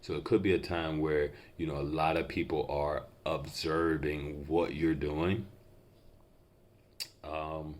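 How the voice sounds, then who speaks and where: A man's voice: rumbling low, level tone, slow, a little mellow. A man giving an unscripted intuitive reading as a psychic, feeling out impressions tentatively, piece by piece, like a mentalist. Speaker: psychic reader giving channeled messages.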